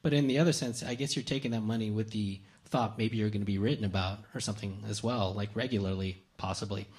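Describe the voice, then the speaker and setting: A man's voice: on the low side, steady tone, quick pace, darkish tone. A man co-hosting a casual tech news chat, explaining gadgets with lots of fillers and restarts.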